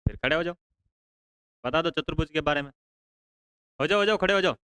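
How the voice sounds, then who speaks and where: A male teacher, bantering with his class and teasing students into speaking up loudly. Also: on the high side, brisk, smooth, no echo, low-quality recording.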